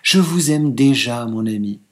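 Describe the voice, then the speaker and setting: A man's voice: mid-range voice, expressive, a little slow, lightly acted. A man reading as a frightened young bride. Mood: timid.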